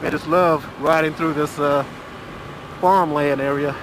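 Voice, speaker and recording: A middle-aged motovlogger whose voice sits on the high side gives easygoing commentary during a ride on a country road. He's chatty and relaxed, pausing with long fillers. The helmet mic records wind and engine noise alongside the sound of the road.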